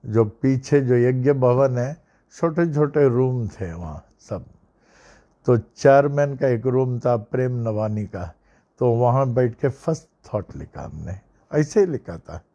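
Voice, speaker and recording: An older man giving a devotional discourse, telling a story slowly with repeated phrases and bits of English. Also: medium pitch, dark tone, dull audio. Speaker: spiritual teacher.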